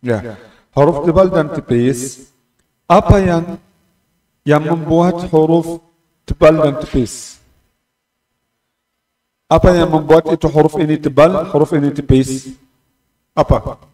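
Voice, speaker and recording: A male tajwid teacher with a fairly high voice speaks very slowly and patiently, repeating each syllable to demonstrate it. He is picked up from a distance in a roomy, echoing space. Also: fairly even intonation, dark tone. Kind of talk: Quran recitation lesson. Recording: roomy echo, distant mic.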